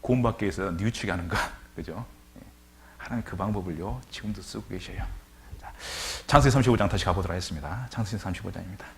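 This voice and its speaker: A man's voice: low voice, fast, vocal fry. A man preaching a sermon as pastor, retelling scripture dramatically and asking the congregation rhetorical questions.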